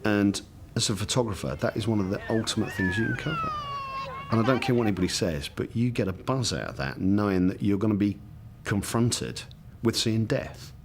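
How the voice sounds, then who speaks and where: A man's voice: lowish voice, expressive, fairly quick, very noisy. A man who is a photographer, speaking candidly in an interview. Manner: candid, frank. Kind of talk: interview recollection.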